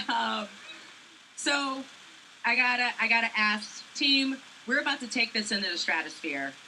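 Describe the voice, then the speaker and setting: A woman interviewing cast members at a live event for a morning show, peppy and energetic. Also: on the high side, unhurried, a little hiss or hum, poor audio. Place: large event hall with a rocket on display.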